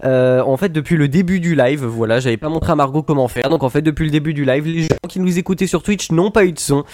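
A man's voice: a little high, fast, a little mellow, no echo. A man hosting a live web radio show in a casual, joking and teasing way, with plenty of fillers.

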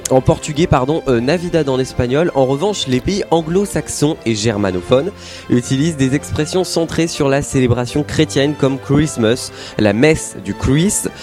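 A man reads his part on a casual radio show, tripping over words and correcting himself as he goes. His pitch sits in the middle range. Faint music runs under his voice. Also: moderate pace, a little mellow. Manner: stumbling, self-correcting, apologetic. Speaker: radio co-host. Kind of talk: casual radio chat, reading notes.

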